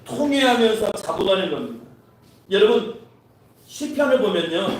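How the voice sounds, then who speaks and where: A man preaches in a lively storytelling way and voices the people in his story himself. His voice sits high for a man and rings through a very echoey church hall. He is picked up from a distance, with a faint hum of the room behind him. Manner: storytelling preacher acting out quoted dialogue. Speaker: pastor. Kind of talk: sermon. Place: church sanctuary.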